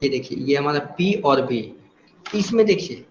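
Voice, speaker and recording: An Indian man with a high voice lectures in an online class. He works through each point step by step and keeps checking that his students follow. The audio sounds roomy and a little dull, with faint noise underneath. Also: expressive, a little slow. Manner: explains step by step, asks rhetorical questions, frequent "theek hai". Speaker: engineering teacher.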